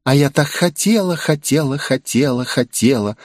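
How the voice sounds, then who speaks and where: A man's voice: medium pitch, lively intonation, normal speed, dry recording, studio quality, pitched above the performer's own voice, close to an everyday voice. A man voicing a young female pop singer who sweetly sings about killing her first love, in an audiobook. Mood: yearning. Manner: sing-song, obsessive repetition. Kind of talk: audiobook character voice.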